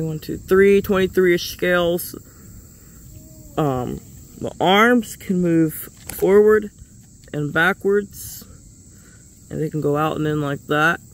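A man giving a casual, rambling toy review, often stopping and restarting mid-sentence. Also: a little high. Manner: plain-spoken, drops a curse casually.

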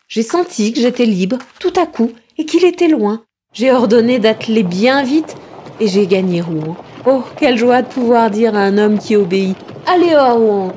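A woman's voice: mid-range voice, mellow, a little hiss or hum. A woman giving a dramatic reading of a classic tale, impassioned and rising to anguished cries in the tense passages. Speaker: reader.

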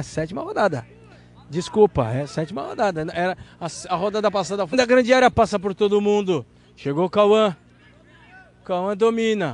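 Very high-pitched Brazilian male football commentator. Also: darkish tone. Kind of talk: live sports commentary.

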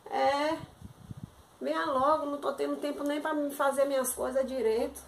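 A woman's voice: high-pitched, fairly even intonation, normal speed, vocal fry. A woman doing a one-sided comic phone sketch, talking in a chatty, pleading and exasperated way. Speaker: content creator acting a comic sketch. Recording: echoey room with loud background noise.

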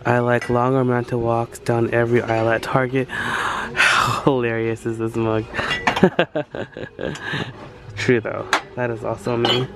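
A man's voice: medium pitch, a little slow, heavy background noise. A man vlogging casually while thrift shopping, gushing over finds and talking to himself, recorded on a handheld camera in a store aisle. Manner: gushing, excitable, talks to himself. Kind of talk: casual vlog narration.

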